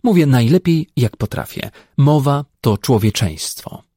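A man's voice: medium pitch, expressive, unhurried, mellow, breathy edge, no echo, clean studio sound, pitched above the performer's own voice. A man doing a pompous academic. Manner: pompous, long-winded jargon. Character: pompous overeducated male academic.

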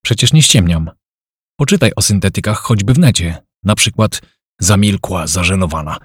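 Husky low-voiced male audiobook narrator. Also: moderate pace, no room sound, clean studio sound.

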